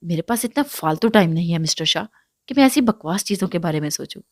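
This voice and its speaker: A woman's voice: on the low side, expressive, dry recording. Irritated young woman voiced by a woman, curt, clipped, dry sound. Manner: curt, biting each word.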